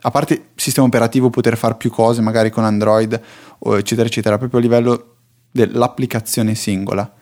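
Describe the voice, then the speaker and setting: A man's voice: mid-range voice, little pitch movement, fast talker, a little mellow. Italian man asking questions on a tech podcast. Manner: questioning, casual, with fillers like boh. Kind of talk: casual tech podcast chat.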